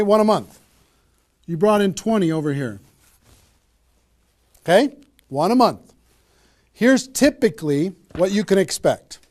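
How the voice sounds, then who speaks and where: In a high-pitched voice, a man gives an energetic motivational seminar on network marketing, firing rhetorical questions at a live audience.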